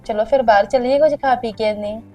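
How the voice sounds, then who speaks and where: An actress playing a young wife who speaks to her husband in a soft, coaxing, pleading way. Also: fairly high pitch, fast, soft background music, natural voice. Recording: distant from mic.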